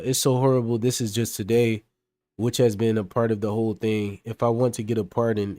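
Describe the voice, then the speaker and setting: A man's voice: lowish voice, darkish tone, no echo. A man on a casual live stream, reading pages aloud and chatting with viewers by name.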